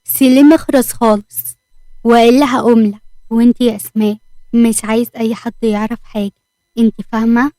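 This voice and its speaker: Woman doing a calm young egyptian guy, persuasive, quick, warm voice. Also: a little high, dry recording, close to an everyday voice. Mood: stern. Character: young man in trouble, calm and commanding.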